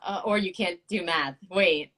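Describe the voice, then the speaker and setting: A woman in her thirties hosting a casual live-stream chat, excitable and quick to laugh, swearing casually. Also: lowish voice. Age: 30s. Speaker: show host.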